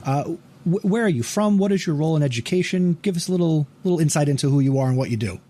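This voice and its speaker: A man's voice: fairly high pitch, expressive, quick pace, warm tone. A man hosting a podcast, interviewing guests over a video call in an upbeat, encouraging way. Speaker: podcast host. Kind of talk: casual interview over a live stream.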